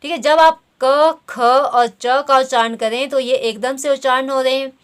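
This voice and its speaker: A woman's voice: high-pitched, fairly even intonation, clean tone. A woman teaching grammar, walking through quiz questions and repeating "theek hai" as she explains. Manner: says "theek hai" constantly, reads options slowly.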